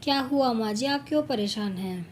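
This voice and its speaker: A woman's voice: on the high side, normal speed, a little hiss or hum, natural voice. A woman voicing a patient young daughter-in-law who speaks politely and pleadingly.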